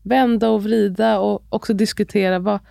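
Gravelly, blunt woman, dry sound. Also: medium pitch, fairly even intonation, warm tone, no echo. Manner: blunt, swears casually, gives practical tips. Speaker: podcast co-host. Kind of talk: casual chat.

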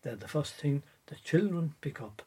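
A man giving an educational talk in a measured way, repeating words and spelling them out. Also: fairly high pitch, lively intonation, warm tone, breathy edge. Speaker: presenter.

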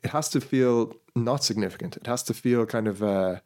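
A man's voice: mid-range voice, moderate pace, darkish tone. A man co-hosting a podcast, spinning a rambling story in casual chat with many restarts. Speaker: podcast co-host.

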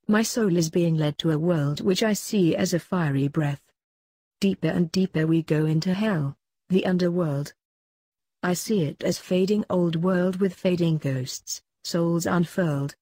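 A woman playing a frightened actress who faces death, in a solemn, measured dramatic verse reading. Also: lowish voice, mellow, no echo. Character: Vivienne, frightened actress facing her death.

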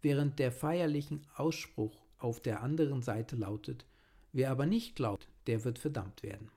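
A man's voice: mid-range voice, moderate pace, dark tone. A man reading an old sermon aloud in German, earnest and pleading as he exhorts his listeners.

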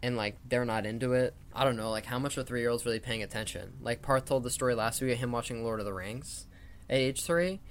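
A man's voice: medium pitch, a little fast, slight background noise. A man hosting a podcast with casual film commentary, wry and opinionated. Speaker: podcast host.

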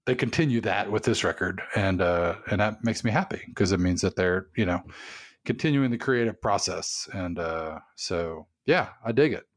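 A man co-hosting a podcast, talking in a relaxed, musing way that trails off with fillers. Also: low voice, moderate pace. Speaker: podcast co-host. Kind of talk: casual chat.

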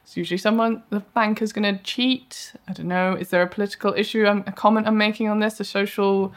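A woman's voice: medium pitch, steady tone, fast talker. A woman co-hosting a podcast in casual chat, rambling with self-mocking asides. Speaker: podcast co-host. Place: live event venue.

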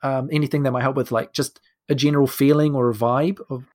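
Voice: mid-range voice, fairly even intonation, fast talker, a little mellow. A game master casually narrating a tabletop game and explaining the rules.

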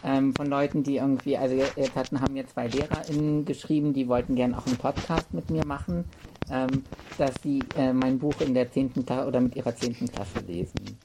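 A woman's voice: extremely low pitch, steady tone, fairly quick, background noise. Thoughtful woman guest author. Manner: thoughtful, hesitant, with many fillers. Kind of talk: casual chat.

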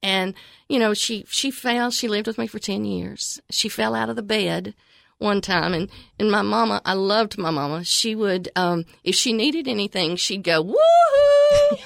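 An older woman from Tennessee with a Southern accent, telling stories as a guest in a casual interview, animated and warm. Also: medium pitch, normal speed, vocal fry, no room sound, clean studio sound. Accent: Southern American. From Tennessee, USA. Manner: lively storyteller, animated and warm. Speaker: guest, pregnancy clinic director.

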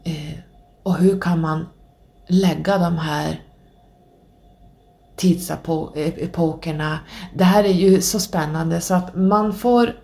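A woman's voice: lowish voice, steady tone, vocal fry, long pauses, darkish tone. A woman hosting a podcast, talking alone in a rambling, casual way with many hesitations and restarts. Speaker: podcast host.

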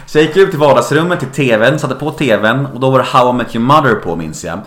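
A man telling a personal story in casual talk, animated and swearing freely. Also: mid-range voice, roomy sound.

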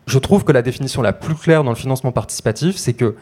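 A man's voice: mid-range voice, expressive, fast talker, a little mellow. Man explaining with many hesitations. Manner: conversational, frequent hesitations with "euh". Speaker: crowdfunding project coach. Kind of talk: explanatory talk to camera.

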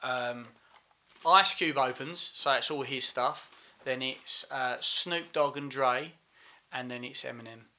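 A man's voice: medium pitch, slow, bright, forceful tone. A man hosting a podcast in casual, matey, sweary chat. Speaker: podcast host.

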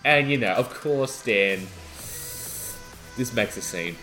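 A man co-hosting a podcast, telling a rowdy story in casual chat and swearing as he acts out the shouting. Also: medium pitch, slow pace, soft background music. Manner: animated, swearing, acts out shouting in his stories. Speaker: podcast co-host.

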